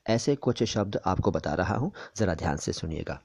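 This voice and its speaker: A man's voice: low-pitched, expressive, darkish tone, breathy edge. Man teaching careful pronunciation. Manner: measured, careful explanatory delivery. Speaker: language teacher. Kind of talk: pronunciation lesson. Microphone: bluetooth headset.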